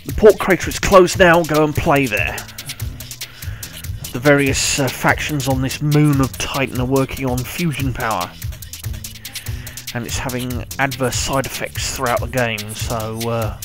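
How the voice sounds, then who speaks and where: A British gameplay commentator talks casually over game music, muttering and repeating himself as he plays. His voice is mid-range and a little slow.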